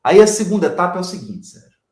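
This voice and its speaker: A man, a guest giving a didactic spiritual talk with animated explanations. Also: high voice, fast talker, reverberant. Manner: animated explaining, addresses the host by name. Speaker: guest speaker.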